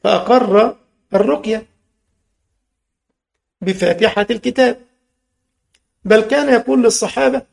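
Gravelly high-voiced Egyptian religious teacher. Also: male voice, unhurried, pauses often. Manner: switches between formal Arabic and colloquial, quizzing listeners. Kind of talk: religious lesson.

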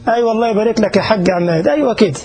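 On a rough recording, an Egyptian sheikh delivers a chatty, joking religious lesson to an audience in Germany, talking directly to listeners and asking if they follow. His high-pitched voice is dark with a breathy edge, and he speaks very fast.

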